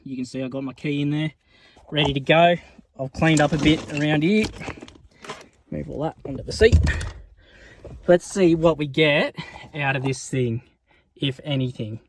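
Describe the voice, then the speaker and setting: A man's voice: a little high, moderate pace, long pauses, noisy background. An Australian man chatting casually in a vlog as he works on a car, with laid-back, sweary, blokey Aussie slang. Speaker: car build vlogger. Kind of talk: casual vlog chat while working on a car.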